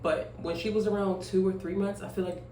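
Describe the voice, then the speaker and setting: A twenty-five-year-old single mom who vlogs chats casually while grooming at home, rambling with lots of fillers and emphatic asides. Her mid-range voice has a warm tone, fairly even intonation and a brisk pace. The audio is off-mic in an echoey room with faint noise.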